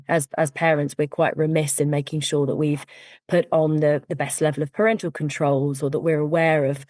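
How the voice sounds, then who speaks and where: Woman, low-pitched, steady founder-guest explaining patiently; dry, close sound. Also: no room sound. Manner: measured, explanatory, frequent "um" and "you know". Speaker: cyber security firm founder, guest. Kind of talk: podcast interview.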